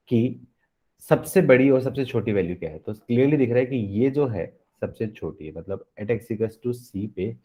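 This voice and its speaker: A male maths teacher with a fairly low, mellow voice, teaching a live online class. He explains step by step, keeps putting questions to the class, and mixes terms in.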